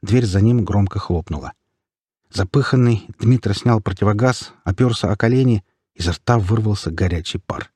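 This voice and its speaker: A man narrating an audiobook in the first person, expressive in his storytelling. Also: lowish voice, moderate pace, breathy edge, no echo.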